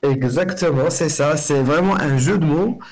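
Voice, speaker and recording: A man's voice: a little high, measured pace, a little mellow. A middle-aged man from Algeria, a festival director speaking as a guest in a radio interview, talking with many fillers and restarts.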